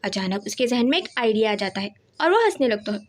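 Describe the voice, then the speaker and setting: Female storyteller for a kids' cartoon, fairly high voice, steady scripted narration.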